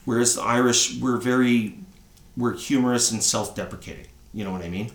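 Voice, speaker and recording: A Canadian podcast co-host in his thirties talks briskly in a rambling, casual chat, leaning on "right?" time after time. He has a medium-pitched voice, and the recording carries an echoey room sound.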